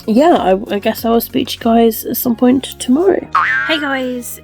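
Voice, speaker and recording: Still wheezy while getting over being sick, a young book vlogger rambles through a casual chat full of ums and likes. Her voice is a little high and dark-toned, with vocal fry.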